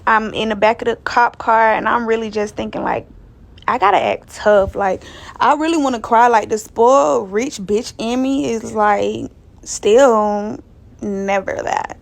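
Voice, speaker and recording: A woman's voice: fairly high pitch, expressive, measured pace, creaky. A woman, casually telling a personal story in a loose, slangy, profane way. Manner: loose, profane, slangy retelling that acts out others' lines.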